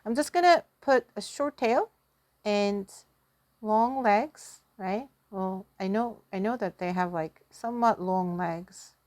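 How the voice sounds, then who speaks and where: Her mid-range, slightly mellow voice takes its time as this Korean teacher gives an informal, story-driven lesson, chatty, self-deprecating and often musing aloud. There's no room sound at all.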